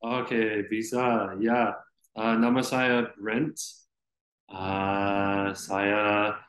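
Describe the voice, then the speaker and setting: A young man with an American accent, a native English speaker, gives interview answers in a second language. His voice is fairly low and very slow, with frequent hesitations. The sound is roomy and echoey. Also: little pitch movement, a bit bright. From Florida, United States. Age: young adult. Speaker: interview guest, student. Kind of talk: conversational interview.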